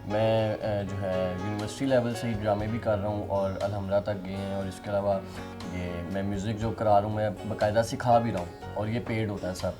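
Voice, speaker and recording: A young man answering interview questions in an earnest, soft-spoken, slightly halting way. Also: lowish voice, flat delivery, music in the background. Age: young adult. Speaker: interviewee, musician.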